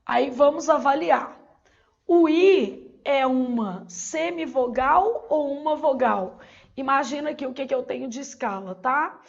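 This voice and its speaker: A woman's voice: high voice, measured pace, gravelly, highs cut off. A Brazilian woman teaching a Portuguese exam-prep lesson, asking questions and answering them herself. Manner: didactic, asks and answers her own questions.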